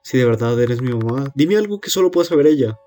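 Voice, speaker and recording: A man's voice: medium pitch, expressive, quick pace, mellow, soft background music, natural voice. [name], a man voicing a lonely little girl. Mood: wary. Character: lonely young girl alone feeding monsters. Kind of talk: game dialogue read aloud.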